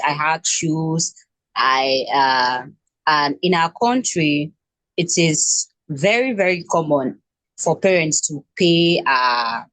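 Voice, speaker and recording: Interview guest: Nigerian woman in her twenties, low pitch, halting delivery, dry recording. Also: no room sound. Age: 20s. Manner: hesitant, with many restarts and fillers. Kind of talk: casual interview.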